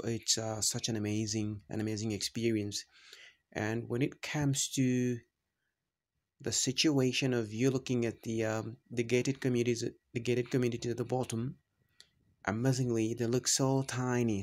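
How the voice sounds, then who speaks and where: A man narrating a travel vlog, describing the view in a halting way, with many fillers and restarts. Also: medium pitch. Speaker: travel vlogger.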